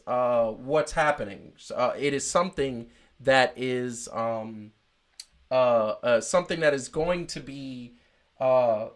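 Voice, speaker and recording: A man's voice: medium pitch, fairly bright tone. A man hosting a casual podcast, rambling with many fillers and restarts. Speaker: podcast host.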